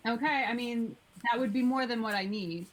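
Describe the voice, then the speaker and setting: A woman talking casually as a player in a tabletop game, halting and restarting her sentences. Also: on the high side.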